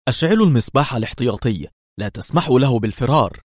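A man's voice: lowish voice, quick pace, husky, no echo, studio quality. A man voicing a nervous male embassy security official who speaks urgently.

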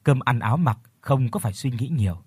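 Husky guy reading a story, dry close sound. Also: medium pitch, brisk, no room sound. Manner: steady storytelling. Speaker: audiobook narrator. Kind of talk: scripted narration.

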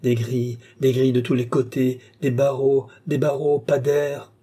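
Give me a fierce captive young Roman woman, voiced by a man reading the book aloud, who pleads and defies in passionate outbursts, with a dark, mellow, husky tone and a steady middle pitch. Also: moderate pace, close to an everyday voice. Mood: defiant.

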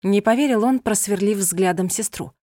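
An audiobook narrator with a mid-range voice reads a novel in an even, measured storytelling manner. The studio recording is clean, with no room sound.

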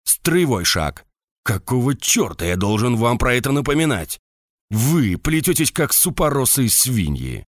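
A man voicing a hoarse, bullying drill sergeant who barks crude insults and commands at his soldiers in an audiobook. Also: mid-range voice, big pitch swings, measured pace, no room sound, studio quality, voice pushed up. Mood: barking, scolding. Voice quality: hoarse barking shouts.

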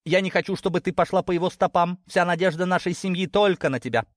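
A man's voice: sits high, fast talker, dry recording, clean studio sound, pitched above the performer's own voice, lightly acted. Man doing a pushy old ram father. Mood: coaxing. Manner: coaxing, self-satisfied. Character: pushy middle-aged ram father, proud and scheming.

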